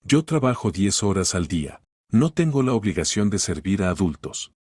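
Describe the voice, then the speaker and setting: A man reading the lines of a tired woman who speaks calmly, without shouting, but with a hard edge. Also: low-pitched, moderate pace, breathy edge, dry recording, studio quality, exaggerated voice. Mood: firm. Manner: calm, level, hard-edged.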